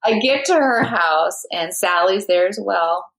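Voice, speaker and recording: A woman guest on a podcast, telling a personal story in a lively, anecdotal way and laughing often. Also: medium pitch, measured pace, low-quality recording. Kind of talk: storytelling in conversation.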